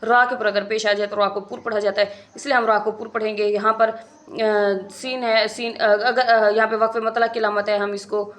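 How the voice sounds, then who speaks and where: A woman's voice: fairly high pitch, flat delivery, a bit bright. A woman teaching Quran recitation, patiently explaining each rule step by step and repeating it. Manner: patient, methodical, repeats rules slowly. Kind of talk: step-by-step tajweed lesson.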